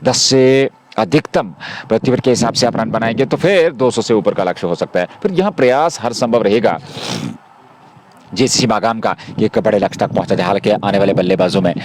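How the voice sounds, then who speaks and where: A man's voice: fairly low pitch, a little fast, darkish tone, slight background noise. A man giving live ball-by-ball cricket commentary in a flowing, wordy style, reciting scores as he goes. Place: outdoor cricket ground.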